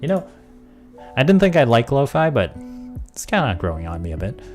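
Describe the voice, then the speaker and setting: A man streaming casually, thinking aloud as he works on audio software and trailing off into quiet mutters. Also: mid-range voice, big pitch swings, brisk, soft background music. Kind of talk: casual tech livestream.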